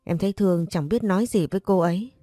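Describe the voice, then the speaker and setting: A woman's voice: lowish voice, fast talker, no room sound, clean studio sound, soft background music, close to an everyday voice. Woman doing a worried loyal young maid. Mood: gentle. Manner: anxious, gentle.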